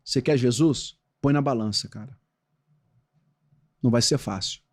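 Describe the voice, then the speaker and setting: Brazilian male pastor, podcast guest, preaching rhythm, mid pitch. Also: moderate pace. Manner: animated preaching cadence. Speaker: pastor and former footballer. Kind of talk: podcast interview.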